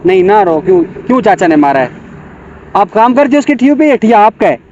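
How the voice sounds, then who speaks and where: A man talks gently and coaxingly outdoors, repeating his questions. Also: high-pitched, big pitch swings, brisk, highs cut off, slight background noise. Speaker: passerby filming. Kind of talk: casual street talk.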